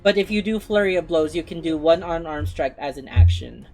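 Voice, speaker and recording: A woman's voice: low voice, lively intonation, a little fast, warm tone, soft background music, poor audio. A woman casually running a tabletop game as game master, explaining things in an accommodating way.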